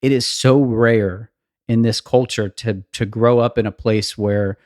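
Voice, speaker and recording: A man in his thirties talking earnestly on a podcast, thinking out loud and often restarting sentences. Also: fairly low pitch, steady tone, a little slow, dry recording, studio quality. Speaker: podcast co-host. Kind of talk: casual podcast conversation.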